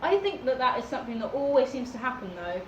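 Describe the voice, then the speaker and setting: A woman telling a casual storytime rant in an animated, dramatic way, acting out what people said. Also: sits high, fast, highs cut off. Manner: animated, dramatic retelling with acted-out quotes. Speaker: storyteller in a two-person story time. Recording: roomy echo, faint background noise.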